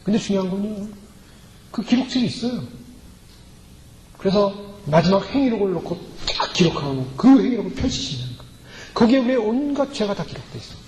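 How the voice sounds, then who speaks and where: A man's voice: high voice, lively intonation, fairly quick, a little mellow, a little hiss or hum. A male pastor preaching a sermon emphatically, acting out prayers and quoted voices, recorded in a church sanctuary. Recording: echoey hall reverb, faint ambience.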